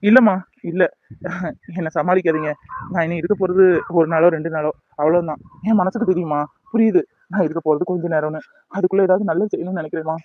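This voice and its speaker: A badly hurt young man in a cartoon, played by a man, pained and resigned, pleading softly with his mother. He speaks quickly in a high voice, and the dry recording sounds dull and lo-fi. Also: dry recording, close to an everyday voice. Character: gravely injured young man, weak and pained. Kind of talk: cartoon voice acting.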